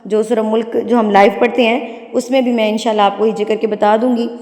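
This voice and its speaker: Echoey woman teaching tajweed slowly. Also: on the high side, fairly even intonation, darkish tone. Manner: patient, explains then spells words slowly syllable by syllable. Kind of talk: tajweed lesson with slow spelled-out recitation.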